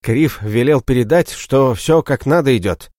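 A man's voice: medium pitch, big pitch swings, darkish tone, no room sound, studio quality, lightly acted. Man doing a breathless young errand boy. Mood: hurried. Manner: blurts things out quickly. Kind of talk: audiobook reading.

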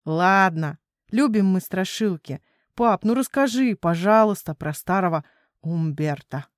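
A bold little raccoon boy in a storybook, played by a woman, speaking in a hushed, urgent tone. His lines come slowly, in a dry, close sound. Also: lowish voice, animated, no room sound. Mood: pleading. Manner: hushed, insistent.

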